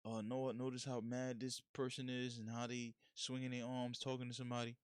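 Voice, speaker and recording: A man's voice: mid-range voice, monotone, a little fast, smooth, no echo, clean studio sound. A man hosting a solo podcast, talking in a frank, slangy, laid-back way in a casual monologue. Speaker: podcast host.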